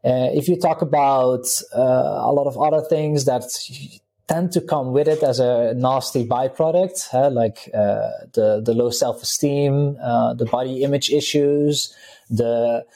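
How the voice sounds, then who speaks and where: Speaking unhurriedly in a mellow, medium-pitched voice, a Dutch-accented man in his thirties from the Netherlands chats as a guest in an informal interview. He works as a vegan health coach. His talk is loose and full of fillers and restarts, and he laughs readily.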